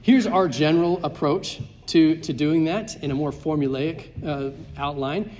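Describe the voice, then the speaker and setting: In a live talk in a conference hall, a market access consultant gives a structured presentation, stressing key points and walking through numbered questions. His voice is fairly high and darkish in tone, delivered at a measured pace.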